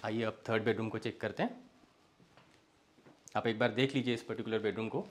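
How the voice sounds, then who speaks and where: A man's voice: lowish voice, steady tone, fairly quick. Young man touring villa rooms. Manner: friendly sales patter, inviting viewer along. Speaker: real estate tour host. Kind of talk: property walkthrough. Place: indoors, large villa interior, walking room to room.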